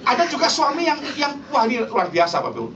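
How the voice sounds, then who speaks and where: High-voiced woman preaching to a congregation. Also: quick pace, very noisy. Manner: animated, jokey, mimics voices for effect. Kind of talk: lively sermon with acted-out quotes. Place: church hall before a congregation. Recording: distant, dull live church recording.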